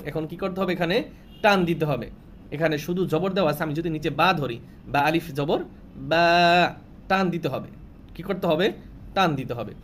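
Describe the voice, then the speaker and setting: A man with a slightly high voice teaches a recitation lesson in a steady classroom manner. He poses questions and then answers them himself, stretching sounds out to show long vowels. Faint noise hums under the recording. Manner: asks questions and answers them himself, repeats rules to memorize; draws out sounds when showing long vowels. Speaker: Quran reading teacher.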